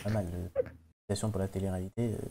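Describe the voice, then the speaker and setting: A man's voice: sits low, little pitch movement, rapid-fire, a crowd in the background. A man hosting a casual quiz podcast who teases the players and builds mock suspense around their scores. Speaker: quiz host.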